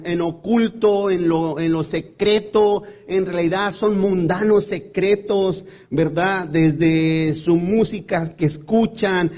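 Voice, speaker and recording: A man's voice: high-pitched, a little mellow. A male preacher delivering a sermon, often calling his listeners brothers and breaking off into asides and restarts.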